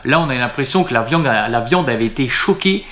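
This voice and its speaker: Casual male vlogger at mid pitch, halting with many fillers, in a reverberant room. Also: lively intonation, a bit bright. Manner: hesitant, many fillers and restarts. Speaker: vlogger reviewing restaurants. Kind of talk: casual talk to camera.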